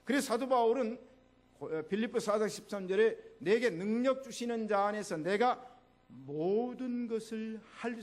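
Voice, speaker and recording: An older man, a pastor, preaching a lively sermon in church and acting out the voices of people in his stories. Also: medium pitch, creaky.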